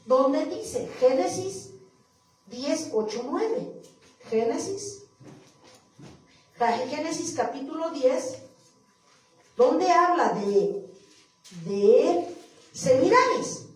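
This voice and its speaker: A woman with a high voice preaches to her church, reading verses aloud and going over them again for her listeners. Her voice rings through a very reverberant hall and sounds like it was picked up from some way off. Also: animated, extremely slow, long pauses. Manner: reads scripture aloud, repeats verses, addresses the congregation. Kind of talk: sermon. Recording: echoey hall, far from mic.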